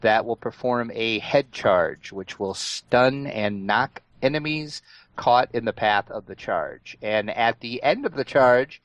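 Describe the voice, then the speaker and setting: A man co-hosting a casual gaming podcast, calmly explaining new features step by step. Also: medium pitch, takes it slowly, no echo, muffled recording. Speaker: podcast co-host.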